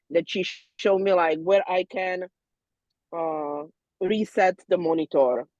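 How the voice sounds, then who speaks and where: A woman, a doula student, casually telling peers about a birth in halting, non-native English full of fillers and restarts. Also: lowish voice, darkish tone, dry recording, dull audio. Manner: non-native phrasing, loose grammar.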